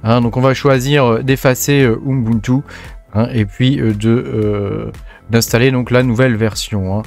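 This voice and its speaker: A man from France talks through a screen-recorded tech tutorial in a relaxed, chatty way. His pitch sits in the middle, and he peppers his speech with fillers and "hein". Faint music plays underneath. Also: normal speed, gravelly.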